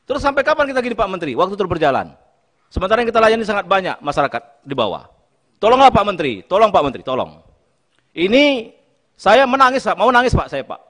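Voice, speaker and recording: Chairing a parliamentary committee hearing in a large meeting room, a man with a very high, slightly bright voice gives an impassioned speech. He pleads emphatically, addressing the minister again and again, while long reverb fills the hearing chamber.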